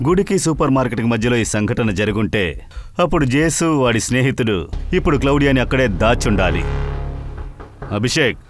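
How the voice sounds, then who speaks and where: A man acts a methodical, stern police investigator for a dubbed crime series. He speaks rapidly with authority at a medium pitch, over light background music. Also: animated, close to an everyday voice. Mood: commanding. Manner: brisk, authoritative. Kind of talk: dubbed TV crime drama acting.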